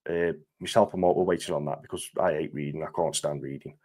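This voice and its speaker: A man's voice: rumbling low, steady tone, fast, a little mellow. A man hosting a casual live-stream chat, his voice groggy from illness, chatty and matey with frequent laughs.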